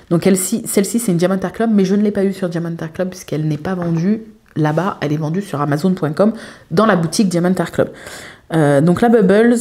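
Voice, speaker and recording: A young woman chatting casually as a craft vlogger, showing her collection with many filler pauses. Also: fairly low pitch, warm tone. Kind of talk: casual show-and-tell chat.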